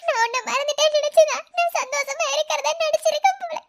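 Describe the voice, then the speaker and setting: A woman's voice: very high voice, fast talker, noisy background. Woman voicing a sobbing heartbroken cartoon girl. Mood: heartbroken, tearful. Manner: speaks while sobbing and laughing through tears. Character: heartbroken young woman Ananya, tearful and sad. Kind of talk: cartoon love story voice acting.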